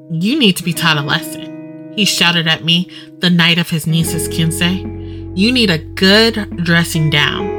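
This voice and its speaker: A woman host narrating an erotic audio story in intimate first person, with guitar music behind. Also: fairly low pitch.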